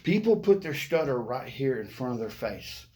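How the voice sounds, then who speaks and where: A middle-aged male vlogger with a stutter talks to the camera in a casual, motivational way, sounding playful and upbeat and frequently tacking on "okay?". His voice is medium in pitch, a little mellow and very animated, and he speaks at a normal speed.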